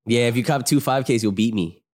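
A man's voice: medium pitch, fairly quick, darkish tone. A young adult man with a standard American accent, chatting casually over a game in a slangy, profane, teasing way. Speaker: player watching and teasing opponent. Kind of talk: casual gaming banter.

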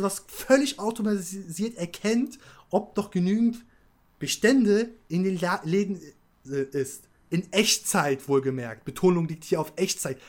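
A co-host in a heated casual debate who argues back bluntly and keeps insisting on their point. The voice sits at a middling pitch.

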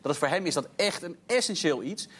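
A man's voice: a little high, lively intonation, fairly quick, a bit bright, breathy edge. A man, a frank football pundit in a casual studio discussion, often restarting mid-sentence.

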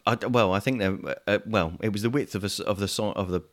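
A man's voice: on the low side, quick pace. An English man hosting a politics podcast over an internet call, talking casually and hesitantly with lots of ums and restarts. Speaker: podcast host. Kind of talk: casual chat. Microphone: video call.

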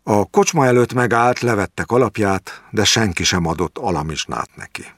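A man reads a literary short story aloud in a measured, expressive manner. His voice sits low but moves with lively, varied pitch, recorded dry and close with no room sound. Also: no room sound. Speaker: narrator.

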